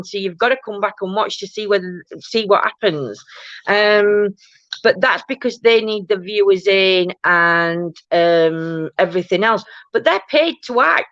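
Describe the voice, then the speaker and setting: Loud and booming, a woman hosting a paranormal chat show rambles through viewer comments on her live stream, restarting herself again and again and dropping "do you know what I mean." The audio is dull, dry and low-fi, with no echo.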